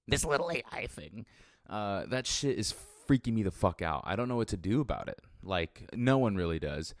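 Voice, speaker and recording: Low, smooth-voiced man rambling unscripted. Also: dry recording, clean studio sound. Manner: frequent swearing, blunt, self-deprecating. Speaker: first-time solo podcaster or vlogger. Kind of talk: unscripted casual rambling monologue. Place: sparsely furnished room indoors.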